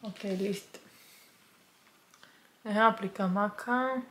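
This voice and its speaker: A young woman talking to her phone camera in a casual confessional vlog, chatty and dramatic, with nervous laughs and soft murmured asides. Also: mid-range voice, slow pace. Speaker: vlogger.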